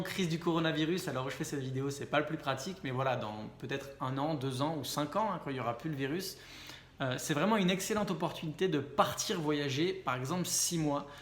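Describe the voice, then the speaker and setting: A young French man talking casually to camera, chatty, with frequent fillers and quick self-corrections. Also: a little high, reverberant. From France. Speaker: vlogger and speaking coach.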